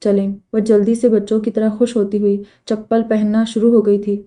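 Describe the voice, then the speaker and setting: A woman narrating a romance novel aloud in an even, steady storytelling voice. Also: medium pitch, brisk. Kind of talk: scripted novel reading.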